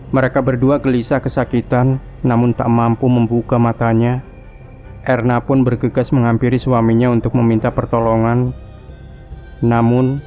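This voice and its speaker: A man narrating a scripted horror story in a hushed, creeping, suspenseful manner. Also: medium pitch.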